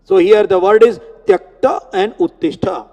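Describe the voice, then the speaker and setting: A man giving a spiritual discourse on scripture, explaining Sanskrit words slowly and repeating terms. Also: high-pitched, very animated, vocal fry, mellow. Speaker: Gita teacher. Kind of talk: religious discourse. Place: temple hall. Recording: long hall reverb.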